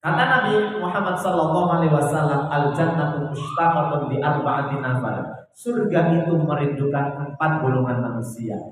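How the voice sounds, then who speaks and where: A man with a Javanese accent preaching to a women's study group, in a lively, sing-song style that swings between loud and soft. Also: fairly high pitch, moderate pace. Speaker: Islamic preacher. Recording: echoey hall, voice from a distance.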